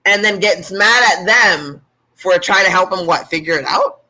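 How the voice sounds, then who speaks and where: Bright, sarcastic man reading scripture. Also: high voice, normal speed, low-quality recording. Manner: irreverent, sarcastic, cursing. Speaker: host.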